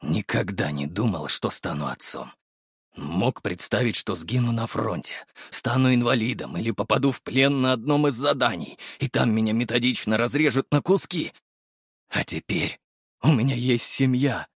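A man reading an audiobook, voicing a gruff bearded army captain and new father who talks low and hushed, choked with emotion. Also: animated, normal speed, no echo, studio quality. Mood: moved. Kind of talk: audiobook character voice.

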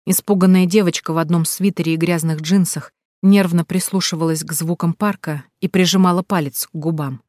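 A woman's voice: fairly low pitch, fairly even intonation, brisk, a little mellow, no room sound, clean studio sound. A woman reading a first-person story aloud in a tense, dramatic manner.

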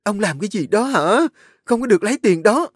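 Guy putting on a high shrill mother, desperate and fierce, audio story. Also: lively intonation, moderate pace, slight background noise, natural voice. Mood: furious. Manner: shrill and pleading. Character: desperate middle-aged mother, fierce and tearful.

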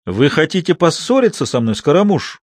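A man's voice: a little high, very animated, moderate pace, no room sound, studio quality, pitched above the performer's own voice. A man reading a coarse, spiteful, hulking older male troupe leader who sneers and blusters, in an audiobook. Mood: sneering.

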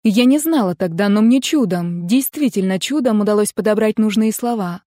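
A woman's voice: medium pitch, normal speed, warm tone, no echo, clean studio sound. A woman reading first-person narration from a novel, with emphatic delivery of the dialogue. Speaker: audiobook reader.

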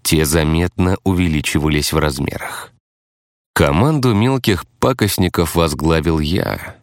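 Deep-voiced male audiobook narrator. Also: a little slow, no room sound, clean studio sound. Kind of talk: scripted first-person narration.

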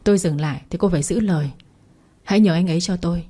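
A woman's voice: on the low side, fast, warm tone, slightly rough. A woman voicing a cold, jealous young woman who talks in curt, sneering lines.

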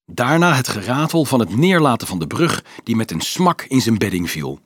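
Husky man reading a story aloud. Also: mid-range voice, moderate pace, dry recording, studio quality. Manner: dramatic, expressive storytelling. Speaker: narrator. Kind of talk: audiobook narration.

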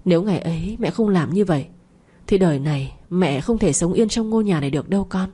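Brief: terrified, guilty mother in a storybook, read by a woman, husky and low. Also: expressive, fast, warm tone. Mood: pleading. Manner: pleading, panicked. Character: guilt-ridden middle-aged mother, frightened.

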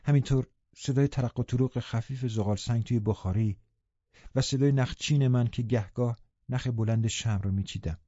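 A man narrating an audiobook in a sombre, measured way. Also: mid-range voice, warm tone, dry recording. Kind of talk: scripted narration. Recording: muffled lo-fi recording.

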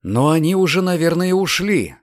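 Curious, self-assured young lawyer, read by a male narrator; animated, pressing delivery. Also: fairly high pitch, moderate pace, dry recording, clean studio sound, voice pushed up. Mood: insistent.

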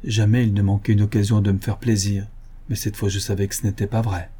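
A man narrating a classic novel in a measured, expressive first-person reading. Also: on the low side, slightly rough. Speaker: audiobook narrator. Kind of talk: literary audiobook narration.

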